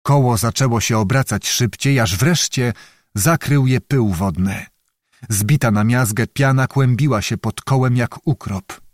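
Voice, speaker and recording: A man narrating a historical novel as an audiobook in a measured, dramatic storytelling manner. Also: mid-range voice, no echo, clean studio sound. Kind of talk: scripted narration.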